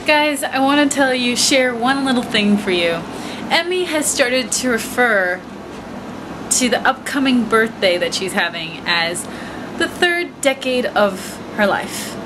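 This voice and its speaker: A woman's voice: fairly high pitch, animated, measured pace. Chatty woman vlogging in a noisy room. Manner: chatty, talks straight to viewers. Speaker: vlog host. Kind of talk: casual chat to camera. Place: apartment. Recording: noisy home recording.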